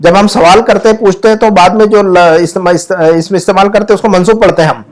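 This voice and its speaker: A man with a notably high voice leads a grammar lesson from home. He speaks patiently and repeats his questions and drills until his students get them right. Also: fairly even intonation, quick pace, darkish tone. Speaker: Arabic teacher. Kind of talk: online grammar class in Urdu.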